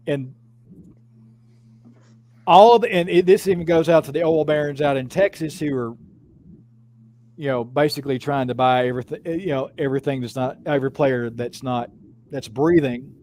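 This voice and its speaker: A man hosts a sports podcast and rants with a lot of energy, cursing freely and stacking repeated words. His voice sits a little high, with faint noise in the background. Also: normal speed, pauses often. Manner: animated, profane, repeats words while ranting. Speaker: podcast host. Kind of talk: casual sports podcast chat.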